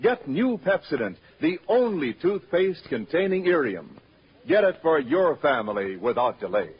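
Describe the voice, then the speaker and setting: A man's voice: fairly high pitch, big pitch swings, moderate pace, breathy edge. An American man announcing a radio show and reading scripted sponsor copy in a 1940s style, on an old recording. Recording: muffled vintage radio broadcast recording.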